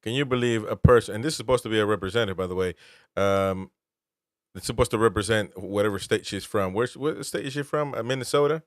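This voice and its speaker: A man's voice: lowish voice, fast talker, no echo, studio quality. A man from Peru, host and military veteran, giving political commentary with emphatic, incredulous rhetorical questions.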